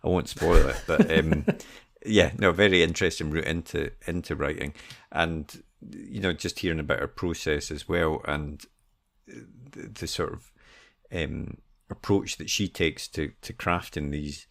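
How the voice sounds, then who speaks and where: A man's voice: extremely low pitch, a little slow, creaky. A man co-hosting a podcast, chatting casually with a loose, rambling delivery. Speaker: podcast co-host. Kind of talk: casual podcast intro chat.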